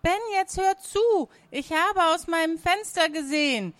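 A frightened young girl with a high, urgent voice, as a woman reads her. She speaks in a bright, rising pitch, breathless with worry. Storybook reading. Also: unhurried, dry recording.

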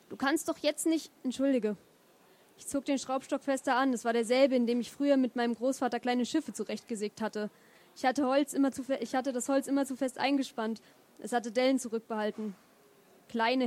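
Brief: slightly high-voiced woman, first-person novel reading, hesitant between passages. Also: darkish tone. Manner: hesitant fillers when talking freely. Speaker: reader of a novel. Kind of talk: reading a novel aloud with comments.

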